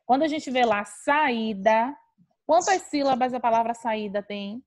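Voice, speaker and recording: A woman's voice: a little high, a little slow, a little mellow. A woman teacher with a Brazilian accent, patiently explaining grammar in an online class and repeating key terms.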